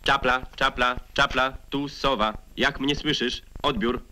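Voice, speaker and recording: A man's voice: mid-range voice, fairly even intonation, a little slow, bright, forceful tone. A man working as a radio operator, making a clipped procedural call over a two-way radio. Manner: clipped call-sign protocol.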